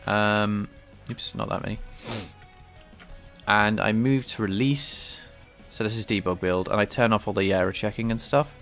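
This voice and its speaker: A low, gravelly yet fairly bright male voice with fairly even intonation speaks at normal speed over soft background music. He's a game developer streaming his work, casually live-coding and explaining his game engine as he thinks aloud, hesitating and restarting often. His cold makes him a bit stuffed-up and nasal.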